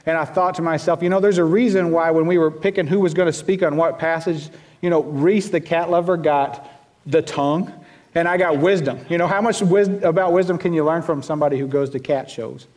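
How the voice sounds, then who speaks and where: This sermon comes from a middle-aged Southern US pastor whose voice runs slightly high for a man. Folksy and self-deprecating, he keeps restarting his sentences, speaking briskly with fairly even intonation and a somewhat mellow quality.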